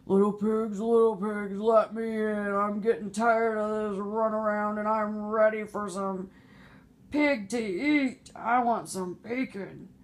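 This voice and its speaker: A woman voicing a hungry, blustering male big bad wolf in a storybook tale, drawing out slow, booming threats. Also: steady tone, lightly acted. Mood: menacing.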